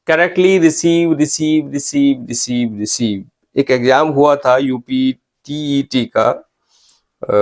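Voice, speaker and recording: Male tutor, unhurried lecture, spells words out one letter at a time, keeps asking "clear?". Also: a little high. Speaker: English teacher. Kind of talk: spelling lecture in Hindi mixed with English.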